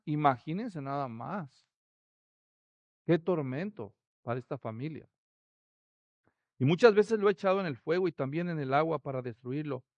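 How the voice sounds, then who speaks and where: A man preaching a sermon, expressive and rising to loud, emphatic quotes. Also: sits high, no room sound.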